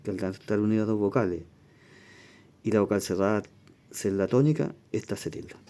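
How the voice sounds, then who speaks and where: A man's voice: lowish voice, normal speed, mellow. A man, teaching a language exam review lesson, reading passages aloud and explaining spelling rules step by step.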